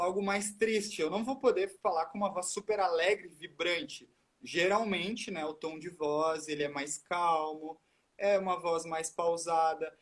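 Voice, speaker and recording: A man, a speech therapist explaining things step by step in a live chat and asking himself rhetorical questions. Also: high-pitched.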